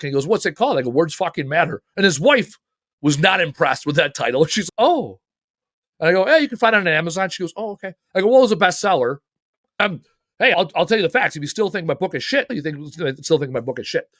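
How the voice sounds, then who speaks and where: A man hosting a show and talking casually. He tells stories bluntly, swears freely and gets animated. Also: a little high, dry recording, studio quality. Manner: blunt, profane, animated storytelling. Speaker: podcast host and author. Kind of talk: casual motivational talk.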